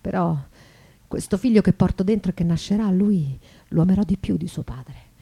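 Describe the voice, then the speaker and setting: Here the actress, voicing a proud, ironic and embittered 19th-century bourgeois wife, speaks in a lowish, creaky, husky voice at normal speed, full of hushed, sad resentment. The confessional stage monologue swings between quiet and declamatory, set to live guitar music.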